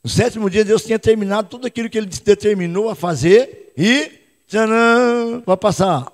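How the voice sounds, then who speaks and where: A man with a Brazilian accent, a pastor preaching a lively sermon and calling on the congregation to answer, sometimes shouting, sometimes speaking quietly. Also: high-pitched, brisk. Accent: Brazilian Portuguese. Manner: calls out to the congregation, prompts responses; switches between loud shouts and quiet asides. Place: church hall. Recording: long reverb of a church hall.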